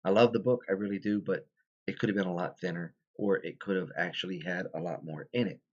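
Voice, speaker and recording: Tired deep-voiced man rambling through a tutorial. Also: steady tone, fast, darkish tone, lo-fi sound. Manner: rambling, many ums and restarts. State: tired, stifling yawns. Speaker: tabletop game tutorial host. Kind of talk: casual explanatory tutorial.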